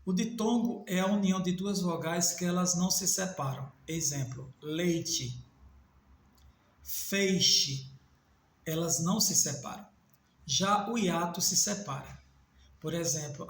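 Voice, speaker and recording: This Portuguese grammar video lesson comes from a man from Northeast Brazil whose voice sits high, recorded with a roomy sound. He speaks with a Northeastern Brazilian accent, slowly spelling out letters and making small self-corrections along the way.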